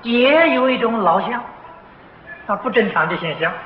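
An older man giving a slow, patient lecture on a Buddhist sutra, filling pauses with drawn-out "ah" sounds and clearing his throat now and then. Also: very high-pitched, animated. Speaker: Buddhist teacher. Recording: dull, roomy, noisy old tape of a lecture hall.

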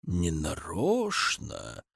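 A stern male colonel of the secret police, growling his interrogation slowly and heavily, as a man reads him. He barks and threatens in a low voice that swings widely. The audiobook sound is dry and close. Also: lively intonation, husky, no echo, exaggerated voice. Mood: menacing. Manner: barking, slow and menacing.

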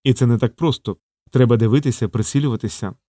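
A man's voice: medium pitch, fast, warm tone, no room sound, clean studio sound, close to an everyday voice. A man voicing an earnest, worried young man in an audiobook, in a plain, natural voice.

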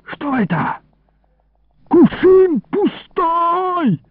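A man voicing a cantankerous old village man who wails and curses in loud, high outbursts, on a tinny old radio recording. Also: big pitch swings, very slow, no room sound, heavily acted. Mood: outraged.

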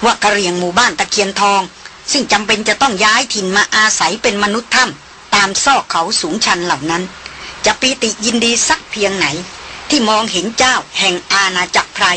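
A woman narrating an adventure novel as an audiobook, reading in a measured, descriptive way. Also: medium pitch, bright, forceful tone, slight background noise.

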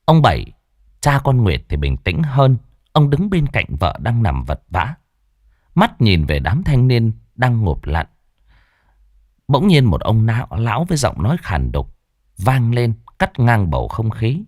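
A man narrating a ghost story in a dramatic, expressive storytelling manner. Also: mid-range voice, unhurried, no echo, studio quality.

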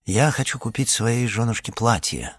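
A man's voice: medium pitch, animated, moderate pace, breathy edge, no room sound, studio quality. A man doing a sly, overacting abbot. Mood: curt. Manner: theatrical, overplayed lament. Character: sly male abbot, mock-lamenting, calculating.

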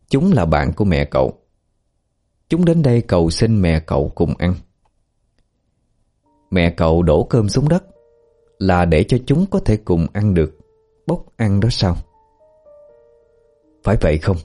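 A man narrating a horror story in a slow, grave storytelling manner. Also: deep voice, warm tone. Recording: faint background music.

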